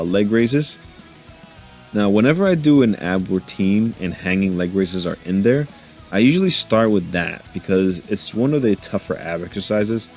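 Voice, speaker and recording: A man with a low, deep voice talks through his gym workout in a relaxed, joking way, laughing to himself now and then. Faint music plays under his voice-over. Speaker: fitness vlogger narrating his workout. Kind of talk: casual voice-over commentary.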